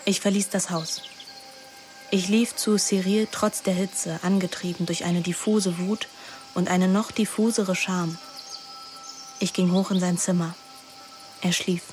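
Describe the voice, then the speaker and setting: With music in the background, an actress portrays a wilful, moody teen girl recounting her summer intimately in a radio drama, through first-person narration and dialogue, sounding reflective. Her voice is low-ish, darkish and close to everyday speech, steady in tone, unhurried and full of pauses.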